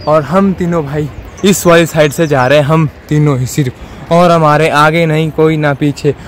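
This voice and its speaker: A man in his twenties, a travel vlogger, holds his phone at arm's length on a forested mountain trail and chats casually to camera. His voice is a little high and steady at a moderate pace, with a slight hiss or hum in the audio.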